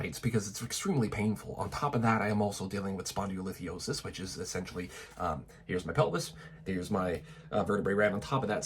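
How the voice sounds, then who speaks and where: A man with a lowish voice rants candidly in a personal vlog from his Tokyo apartment, swearing a lot and restarting often. He's a bit stuffy, getting over a cold, and there's slight background noise.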